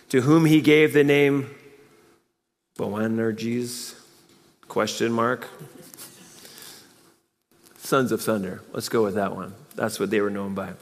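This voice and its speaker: A man's voice: on the high side, a bit bright, long reverb tail. A man preaching a sermon as pastor, speaking emphatically with rhetorical questions and repeated phrases. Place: church.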